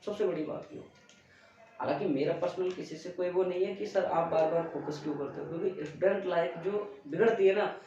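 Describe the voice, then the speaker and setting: A young male teacher lectures his students bluntly and earnestly, his voice pitched a little high. He stands well away from the microphone, and the room rings with heavy echo. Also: fairly quick, dark tone. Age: young adult. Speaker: coaching teacher. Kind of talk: classroom motivational talk. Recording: very echoey room, distant mic, dull sound.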